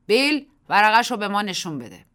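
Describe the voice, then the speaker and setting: A woman voicing a brisk male village official, commanding and clipped, in a radio story. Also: mid-range voice, big pitch swings, pushed and bright, voice pushed up.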